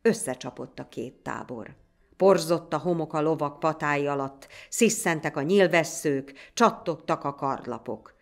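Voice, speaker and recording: A woman reads a folk tale aloud with lively, dramatic delivery. Her voice sits low. Soft music plays faintly under her. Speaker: storyteller. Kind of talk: storybook narration.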